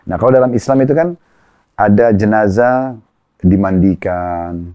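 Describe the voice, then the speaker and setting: A man, an Islamic preacher, calmly explaining religious teaching in conversation and citing sayings point by point. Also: fairly low pitch, no room sound, dull audio. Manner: calm, measured, cites hadith and lists points.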